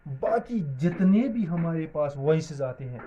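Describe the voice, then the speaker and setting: A man from Jammu and Kashmir teaches English grammar in a video lesson, spelling words letter by letter and answering the questions he puts to the class. His voice is on the high side and animated, unhurried, with a noisy background. The recording has a dull, lo-fi sound.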